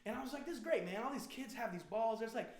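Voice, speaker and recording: He's an American from Indiana hosting a band's live stream, trading casual jokes and rambling stories with viewers in slangy, playful talk. His pitch is extremely high, expressive, and quick. Everything sounds roomy and reverberant.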